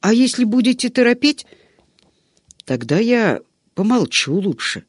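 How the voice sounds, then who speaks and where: A man's voice: high voice, very animated, husky, no room sound, studio quality, voice pushed up, heavily acted. A man doing a chatty old servant woman. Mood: garrulous. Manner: rambling, drawn-out storytelling. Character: chatty old female servant, long-winded and unhurried.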